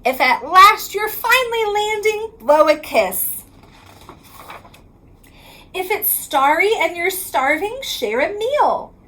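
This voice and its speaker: Drawing out the ends of lines in a sing-song rhyme, a woman reads a picture book aloud to children. Her very high voice swings widely in pitch and has a sharp tone.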